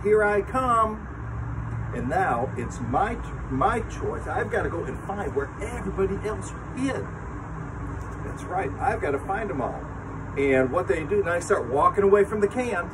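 An older man with grandchildren leading a lively children's sermon outdoors, talking straight to the kids as he tells a story. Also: high-pitched. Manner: animated storytelling, talks to children. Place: outdoor covered chapel area. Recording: distant mic with traffic noise outdoors.

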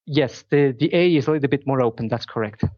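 A man's voice: medium pitch, fast, no echo, highs cut off. A man from Switzerland whose first language is Swiss German, speaking English as a company founder in a technical interview. He talks carefully, often repeating words while he searches for the right phrasing.

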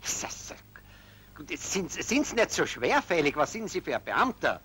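A baffled official, stammering and exclaiming over every surprise. His husky, bright voice swings widely in pitch, in an old film soundtrack from the 1940s. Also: sing-song, moderate pace, exaggerated voice. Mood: hesitant. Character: bewildered, fussy male official.

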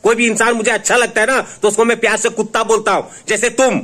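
A man's voice: high-pitched, little pitch movement, fast talker, bright, forceful tone. A man with a Bundeli accent playing a pushy uncle, an old family friend who hurls mock-affectionate insults in a comedy sketch. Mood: brash.

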